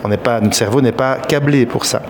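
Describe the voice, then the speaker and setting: A man talks through his ideas in a slow, searching way, dotted with hesitations. His voice sits at an ordinary middle pitch. A faint hiss of background noise sits under the recording. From Belgium. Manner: thoughtful, hesitant, many filler pauses. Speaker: fantasy author. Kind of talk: reflective interview answers.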